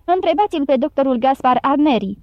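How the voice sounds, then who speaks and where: A woman reading an audiobook voices a calm, confident male gymnast who speaks steadily and with authority. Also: sits high, no echo, dull audio. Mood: calm confidence.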